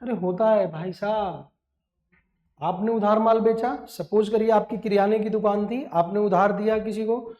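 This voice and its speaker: An accounting teacher lecturing a class in a mid-pitched voice. The teacher keeps asking the students questions and has them repeat the key terms, calling them "beta" along the way. English accounting words are mixed in. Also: fairly even intonation, unhurried, darkish tone, highs cut off.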